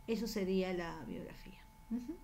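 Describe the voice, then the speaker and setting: A woman's voice: medium pitch, fairly quick, vocal fry, dark tone, slight background noise. A woman teaching a university writing class, explaining patiently in a conversational way and often tagging her sentences with a questioning "no?". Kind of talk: conversational online class lecture.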